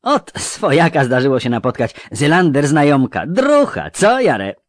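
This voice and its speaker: A man's voice: fairly high pitch, sing-song, unhurried, dry recording, studio quality, voice pushed up. A man doing Melfi, a brash young rogue. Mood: cheerful. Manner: loud, cheerful, overfamiliar. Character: young male rogue, boisterous and overfamiliar. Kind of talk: audiobook character voice.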